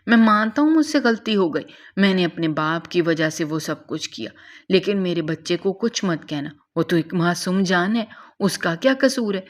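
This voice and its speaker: A woman's voice: lowish voice, fairly even intonation, lightly acted. A woman voicing a desperate young man who pleads through tears in a storybook narration. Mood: tearful pleading. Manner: pleading, broken.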